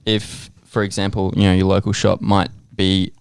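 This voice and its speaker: A man co-hosting a podcast, chiming in with quick agreements and jokes. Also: low-pitched, monotone, gravelly, clear, resonant tone, dry recording, studio quality. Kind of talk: casual chat.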